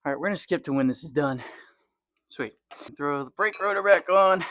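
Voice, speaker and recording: A man's voice: fairly high pitch, moderate pace, a bit bright, no echo. A young man casually narrating a car repair in his garage, swearing and muttering to himself as he works. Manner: swears freely, muttering and complaining while wrenching. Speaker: garage channel host. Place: home garage.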